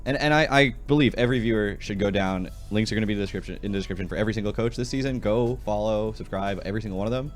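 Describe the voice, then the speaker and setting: An enthusiastic young man hosting an interview, with a fairly low voice. His questions ramble with fillers as he keeps the chat going. Faint music sits behind him. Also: very fast, hardly any pauses.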